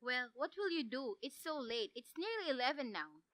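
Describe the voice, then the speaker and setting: A woman's voice: sits high, very animated, moderate pace, a bit bright, no echo. A teenage girl acting in a radio play as an anxious, demanding bedridden wife, fretful and insistent, stammering when pressed. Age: teens, ninth-grade student.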